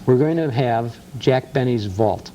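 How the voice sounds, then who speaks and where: Here the radio host and museum co-founder, a middle-aged man, is the guest in a relaxed interview, eagerly spinning stories peppered with frequent "uh"s. His medium-pitched voice is warm and measured, though the highs are cut off and a faint hiss or hum runs underneath.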